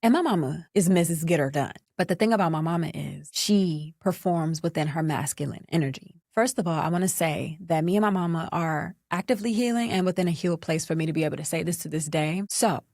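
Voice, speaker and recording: Sassy animated woman podcast host. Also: low-pitched, brisk, few pauses, no room sound, studio quality. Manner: animated, sassy, talks straight to listeners as "girl". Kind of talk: personal storytelling podcast.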